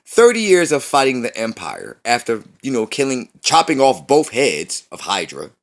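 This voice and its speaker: A man's voice: mid-range voice, wildly swooping pitch, normal speed. A man in his thirties ranting in a casual movie review, profane, slangy and repeating himself. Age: 30s. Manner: slangy street talk.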